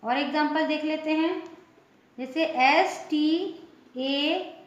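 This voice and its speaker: A woman's voice: sits high, fairly even intonation, takes it slowly. A woman teaching English pronunciation, spelling words out letter by letter, asking a question and then answering it herself. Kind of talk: classroom lesson. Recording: echoey room, dull lo-fi sound.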